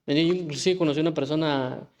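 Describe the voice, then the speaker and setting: Man preaching, fairly high voice. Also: brisk, a little mellow. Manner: conversational, many restarts and rhetorical questions. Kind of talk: informal sermon teaching.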